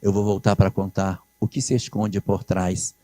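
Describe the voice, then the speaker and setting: A man's voice: low-pitched, little pitch movement, normal speed, dark tone, no room sound. A man giving a spiritist lecture, explaining scripture and quoting it with dramatic emphasis.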